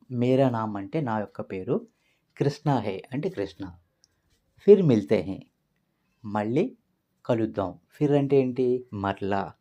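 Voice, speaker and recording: Lively-voiced man teaching phrases. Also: medium pitch. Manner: patient, repeats each phrase slowly. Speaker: language teacher. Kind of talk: explaining phrases word by word.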